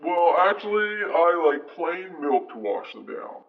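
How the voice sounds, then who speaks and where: A man playing a jolly old Santa Claus in a podcast interview, with a booming ho-ho-ho laugh. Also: very animated, creaky, full character voice. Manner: booming ho-ho-ho laugh, slow and warm. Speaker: interview guest from an archive recording. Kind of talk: phoned-in interview. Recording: dull lo-fi call audio.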